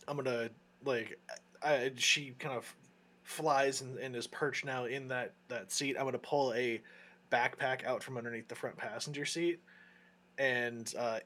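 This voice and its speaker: A man at a tabletop game talks through what his character does. He hesitates and restarts a lot, then rushes ahead once he knows his move. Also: medium pitch, fairly even intonation, sharp tone. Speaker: player. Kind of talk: casual tabletop play.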